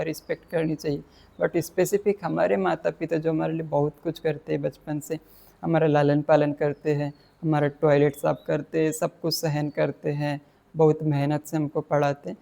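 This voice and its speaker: Gravelly man teaching dhamma. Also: a little high, mellow. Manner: mixes English words into explanation, recites Pali slowly. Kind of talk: dhamma talk explaining Pali verses.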